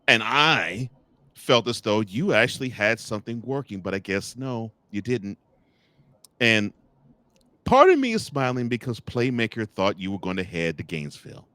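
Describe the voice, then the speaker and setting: Male sports podcast host, teasing and animated, dry close recording. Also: fairly low pitch, moderate pace, no echo. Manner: animated and teasing, many restarts, laughs often. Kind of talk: sports talk commentary.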